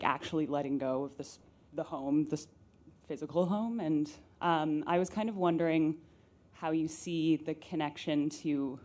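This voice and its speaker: A woman's voice: low voice, a little mellow. A woman from the audience at a talk, asking a hesitant question with lots of fillers. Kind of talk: question from the floor.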